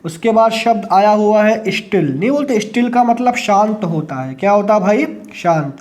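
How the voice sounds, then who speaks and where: A high-pitched Indian man runs an exam-prep vocabulary lesson. He repeats every word, spells it out slowly letter by letter, and keeps asking his students what it means. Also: expressive, a little mellow. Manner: repetitive, quizzes listeners, spells words letter by letter. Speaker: English vocabulary teacher.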